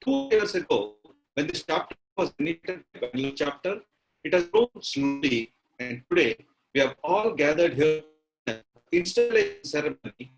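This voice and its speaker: A man delivers a formal welcome over a video conference call, pausing as he goes. His voice sits a little high. It comes through a computer mic and sounds distant, with the call audio breaking up. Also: huge pitch swings, creaky, over music. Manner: formal, halting with pauses. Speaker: chapter official giving the welcome address. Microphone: computer or phone mic on a video call.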